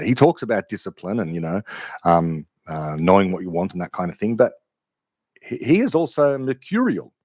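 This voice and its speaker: A man's voice: fairly low pitch, darkish tone, dry recording. A man hosting a livestream Q&A, thinking aloud in a reflective, unscripted monologue with frequent restarts. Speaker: livestream host answering questions.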